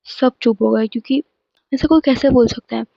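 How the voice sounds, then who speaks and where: Teen girl vlogger, emphatic storytime retelling, slightly high, dull dry home recording. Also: steady tone, normal speed, vocal fry, no room sound. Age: teens. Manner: chatty, emphatic retelling with frequent restarts. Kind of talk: casual storytime vlog.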